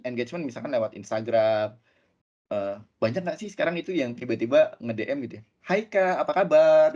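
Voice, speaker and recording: A man giving a webinar presentation as a guest speaker, chatty and animated, telling stories with many fillers. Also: mid-range voice, breathy edge. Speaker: guest speaker from a tech company.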